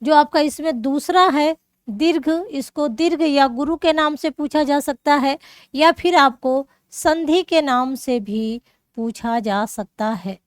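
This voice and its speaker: A woman's voice: high-pitched, slow pace, no echo, studio quality. A woman teacher explaining grammar rules step by step, checking in often with her students. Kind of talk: classroom lesson.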